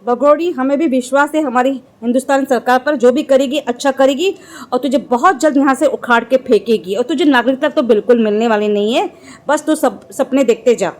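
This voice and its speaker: High-voiced woman in a scolding rant. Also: brisk, a little mellow. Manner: scolding, insulting, mocking rant. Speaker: vlogger commentator. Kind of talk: angry reaction commentary.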